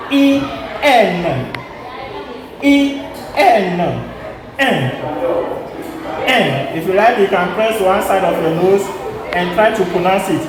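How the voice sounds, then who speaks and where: A French teacher giving a deliberate, repetitive pronunciation lesson, demonstrating plain and nasal vowels and repeating each word for learners. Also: mid-range voice. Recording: very echoey large room, background noise.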